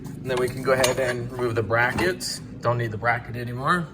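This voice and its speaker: Brief: young adult man, mid-pitched, easygoing how-to narration over faint shop noise. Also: fairly quick. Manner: relaxed, step-by-step, frequent fillers. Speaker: car DIY video host. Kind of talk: casual how-to narration while working. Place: home garage workshop.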